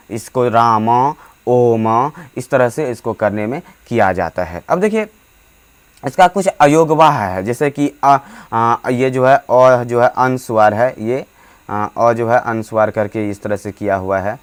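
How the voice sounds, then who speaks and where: Male teacher explaining grammar for exam prep; halting delivery full of fillers, stretches vowels out to demonstrate them. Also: mid-range voice, clean tone. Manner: halting, many fillers and restarts. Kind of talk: hindi grammar lesson.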